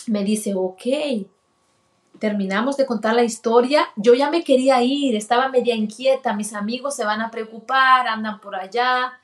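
A woman, earnestly telling a personal testimony and acting out the dialogue. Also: on the high side. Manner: earnest, acts out quoted dialogue. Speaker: guest sharing a testimony. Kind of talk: personal storytelling.

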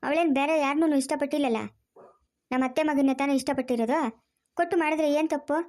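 A woman's voice: high-pitched, fairly even intonation, darkish tone, natural voice. A woman voicing an argumentative grown daughter in a cartoon family drama, pleading and insistent. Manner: pleading, insistent, fast-talking.

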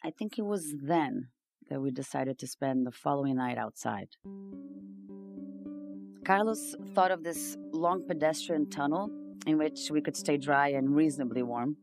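Over plucked guitar music, the narrator-protagonist of an audio drama tells her story in a first-person dramatic monologue, conversational and confiding. She is an actress with a low-pitched voice, speaking at a measured pace as an earnest, weary homeless migrant woman, reflective and rueful.

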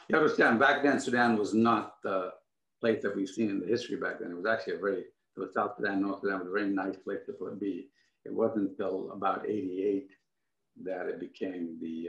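A man's voice: fairly low pitch, gravelly, fairly bright tone. Ghana-born man telling his story on a video call. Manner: earnest, many restarts and asides. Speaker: guest. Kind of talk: conversational storytelling. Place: home room with wooden furniture. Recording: echoey room, muffled sound.

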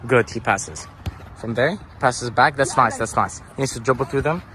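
A man's voice: medium pitch, normal speed, a little hiss or hum. A young man filming a casual backyard football game on his phone and calling the play with playful jokes. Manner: playful, joking, excitable calls. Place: outdoors on a small pitch. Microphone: phone camera. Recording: phone video with shouting players around.

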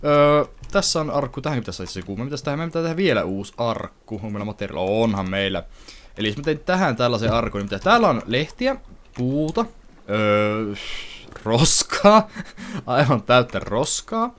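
A young man hosting a casual let's-play, chatting to viewers as he plays and breaking into excited outbursts. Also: medium pitch. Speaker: gaming channel host.

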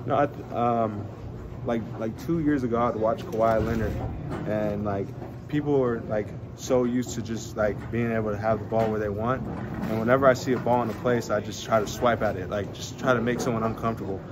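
After the game, a young college basketballer with a fairly low voice answers the press a little fast in an arena hallway media scrum. He stays relaxed, rambling along with plenty of fillers and restarts, while crowd noise echoes through the hallway.

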